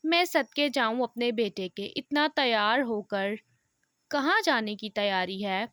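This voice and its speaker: A woman's voice: a little high, lively intonation, unhurried, a bit bright, no room sound, studio quality. A woman reading the lines of a worried mother in an audio novel, speaking in an anxious, pleading way.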